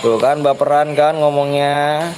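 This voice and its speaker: Betawi-accented male streamer, slightly high voice, repeats himself, loud music underneath. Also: fairly even intonation, poor audio. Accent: Jakarta Betawi. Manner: quick, repetitive, coaxing other players. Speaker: streamer running a custom game room. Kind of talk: live game stream chat. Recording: music playing behind.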